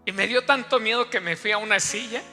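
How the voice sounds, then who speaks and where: A man's voice: high voice, steady tone, brisk, sharp tone. A man, preaching a sermon as pastor and telling a story straight to the congregation. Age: 50s. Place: church hall. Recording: long church hall reverb, faint music.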